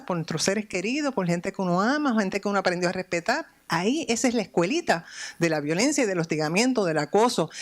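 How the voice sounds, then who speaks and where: A woman with a Puerto Rican Caribbean Spanish accent addresses a public forum in a medium-pitched voice. She talks off the cuff and emphatically, building her argument with rhetorical questions and checking in with listeners. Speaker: panel speaker at a forum. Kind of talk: public panel discussion, unscripted speech. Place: hotel function room.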